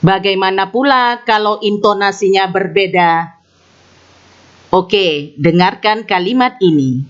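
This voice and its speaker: A woman's voice: medium pitch, slow. A woman teaching an English grammar lesson in scripted narration, explaining carefully and repeating example sentences. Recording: slightly dull lo-fi sound.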